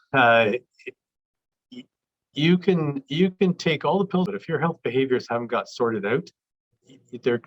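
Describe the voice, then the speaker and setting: A man's voice: mid-range voice, fairly bright tone, dull audio. Casual man explaining heart health. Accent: Canadian. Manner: casual, conversational, acts out patient scenarios. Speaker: nurse practitioner. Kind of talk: health education talk.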